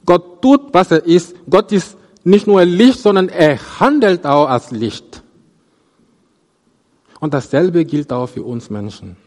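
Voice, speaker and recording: A man preaching a sermon on a Bible passage, halting and restarting often, his voice rising on quoted verses and dropping at the ends of phrases. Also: a little high, lively intonation, darkish tone, in a large hall. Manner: halting, with repeated restarts and stammers.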